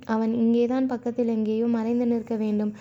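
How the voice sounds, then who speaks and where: Woman reading a gentle young man. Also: very high voice, little pitch movement, normal speed, muffled recording. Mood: earnest.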